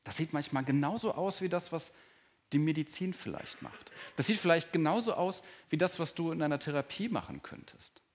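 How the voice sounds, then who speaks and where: A man preaching a sermon to his congregation in a church hall. He talks earnestly and often drops to a soft, slow voice to stress a point. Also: on the high side. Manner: earnest, varies pace and volume, drops to soft, slow emphasis. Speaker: pastor.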